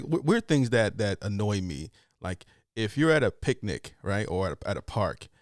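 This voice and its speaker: A man hosts a reaction video in a relaxed, rambling way, laughing often and restarting his sentences. His voice sits somewhat low. The sound is dry and close. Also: no room sound. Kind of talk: casual reaction commentary.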